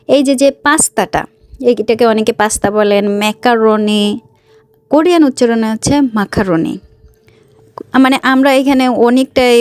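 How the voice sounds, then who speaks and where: A woman's voice: on the high side, a little mellow. A woman with a Bangladeshi Bengali accent, a cooking and mukbang vlogger, casually talking her viewers through each step in her home kitchen. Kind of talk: casual cooking narration to camera.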